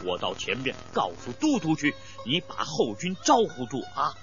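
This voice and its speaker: A woman's voice: very deep voice, wildly swooping pitch, normal speed, highs cut off, faint music behind, voice pushed down, heavily acted. A woman doing an urgent, alarmed officer.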